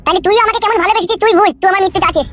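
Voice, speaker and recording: A woman's voice: extremely high pitch, fairly bright tone. A woman voicing a poor young village husband who argues and pleads in a comic cartoon. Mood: accusing. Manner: rapid, pleading and quarrelsome. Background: light music.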